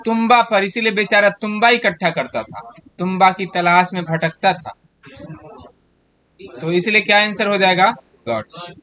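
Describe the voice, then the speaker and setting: Bright high-voiced teacher in his thirties. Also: normal speed. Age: 30s. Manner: explains step by step, quizzing students with questions. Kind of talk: classroom lesson on exam answers.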